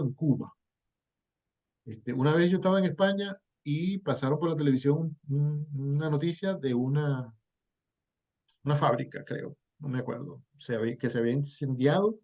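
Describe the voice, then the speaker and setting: A man's voice: medium pitch, darkish tone. A man giving an online lecture over a video call, digressive and full of fillers and self-corrections. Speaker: Spanish language history lecturer.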